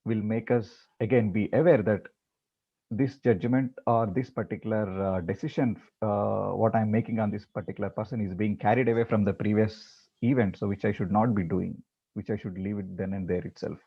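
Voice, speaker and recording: A man teaching a meditation class, talking in a halting way with many repeated words and fillers before leading the practice. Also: lowish voice, steady tone, vocal fry, slightly rough, lo-fi sound. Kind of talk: talk before guided meditation.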